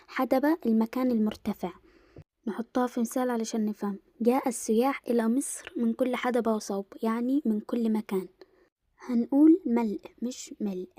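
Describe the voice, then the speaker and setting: Young Egyptian woman, teacher, mellow voice, dry close mic, slows on key words. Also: on the high side, no echo. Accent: Egyptian Arabic. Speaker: Arabic language teacher. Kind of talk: casual explanatory lesson.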